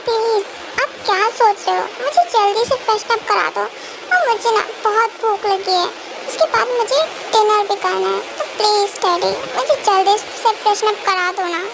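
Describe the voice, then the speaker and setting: Whiny, babyish young wife played by a woman, very high and a little gravelly; noisy home recording. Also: moderate pace. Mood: pleading. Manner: pleading, babyish talk about herself by name.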